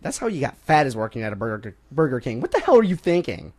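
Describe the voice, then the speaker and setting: Joking young male radio host, lively pitch. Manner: joking, rambling, quick to laugh. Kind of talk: casual college radio banter.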